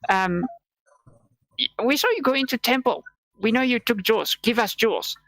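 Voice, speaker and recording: Woman doing a cute squeaky goblin. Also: moderate pace, a bit bright, no room sound. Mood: demanding. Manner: broken simple grammar, repetitive.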